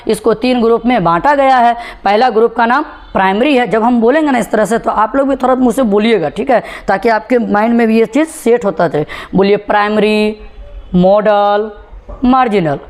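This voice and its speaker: Lady teaching english, fairly high voice, makes you repeat after her, says okay a lot. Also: fairly quick, hardly any pauses, a little mellow. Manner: repetitive drilling, asks the class to repeat after her; reassuring, keeps saying "okay". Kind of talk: classroom lesson.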